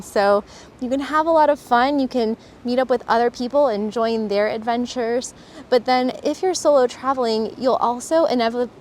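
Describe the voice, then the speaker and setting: A woman's voice: fairly high pitch, a little hiss or hum. Earnest woman vlogging outdoors. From Florida, US. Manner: earnest and enthusiastic, with some fillers. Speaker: travel vlogger. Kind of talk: casual reflective vlog.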